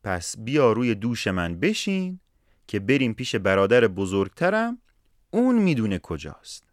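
A man's voice: on the low side, huge pitch swings, dry recording, clean studio sound. A man voicing a huge storybook div monster. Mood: friendly. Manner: loud, threatening then brotherly. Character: huge male div monster, wounded then grateful.

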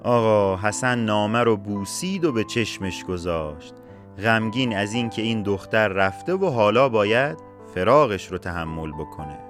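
A man's voice: on the low side, expressive. A man narrating a folk tale in a casual, colloquial podcast style, with asides to the listener. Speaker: storyteller and podcast host. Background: faint music.

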